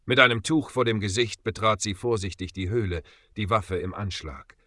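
A man narrates a story in a steady, dramatic reading. His voice is low-pitched with a bright, forceful tone. The recording is dry and close-miked. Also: moderate pace, dry recording. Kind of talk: scripted audiobook narration.

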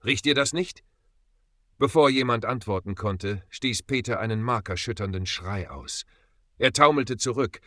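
A man narrating a dark adventure story with dramatic emphasis. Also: on the low side, dry recording, studio quality. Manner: dramatic, rising and falling emphasis.

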